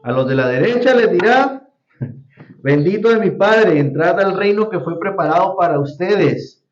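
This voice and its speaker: This high, animated male voice moves at an ordinary speed while leading a Sunday school Bible lesson and frequently putting questions to the class. It was captured in a church hall, and the audio sounds roomy, dull and low-fidelity.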